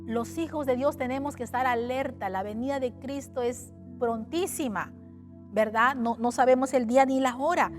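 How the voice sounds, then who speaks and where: A woman's voice: sits high, normal speed, music in the background. A woman preaching an online church sermon in an earnest manner, now and then acting out complaining voices.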